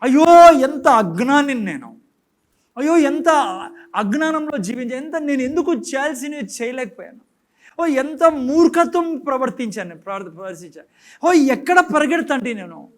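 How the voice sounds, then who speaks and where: Regretful believer, anguished self-reproach, high male voice; pastor acts it out. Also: lively intonation, quick pace, few pauses, fairly bright tone. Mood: regretful lament. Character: grown man, regretful believer lamenting wasted power.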